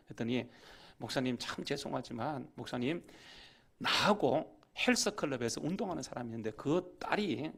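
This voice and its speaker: A man preaching in a church with a gravelly, husky voice. His pitch swings widely as he acts out conversations and builds to emphatic, fervent calls. He preaches as a guest pastor. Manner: animated, acts out dialogue, rising to emphatic preaching. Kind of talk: storytelling sermon. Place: church sanctuary.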